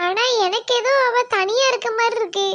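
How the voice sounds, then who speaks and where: A woman's voice: very high-pitched, fairly quick, fairly bright tone. A woman voicing a kind young cartoon friend who asks concerned questions. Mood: curious.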